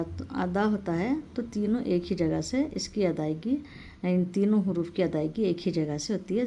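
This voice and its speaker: A woman teaching the pronunciation of Arabic letters, who explains slowly and step by step and repeats each sound several times in a drawn-out way. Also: fairly low pitch, warm tone, husky. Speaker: Quran recitation teacher. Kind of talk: patient pronunciation lesson.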